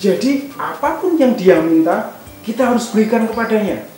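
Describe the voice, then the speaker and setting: A woman's voice: medium pitch, expressive, normal speed, warm tone, pitched above the performer's own voice, close to an everyday voice. A woman playing a serious doctor giving urgent instructions to a nurse. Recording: echoey room with music behind.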